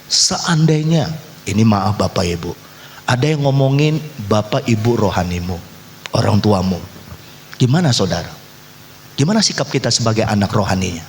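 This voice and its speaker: Animated preaching man in echoey hall. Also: fairly low pitch, normal speed, long pauses, slight background noise. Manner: animated, acts out quoted voices, teases the congregation. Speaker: pastor. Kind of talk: lively sermon. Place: church hall.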